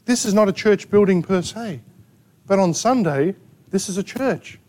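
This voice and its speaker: Australian male pastor, high voice, punchy sermon delivery, fires rhetorical questions at the room. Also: expressive, normal speed. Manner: emphatic preaching with rhetorical questions and sharp asides. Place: church gathering in a rented hall.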